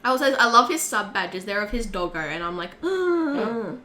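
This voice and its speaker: A woman co-hosting a community podcast in casual chat, animated and full of "like" fillers. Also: mid-range voice, fast, slight background noise. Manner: chatty and animated, frequent "like" fillers. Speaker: podcast co-host and community co-leader.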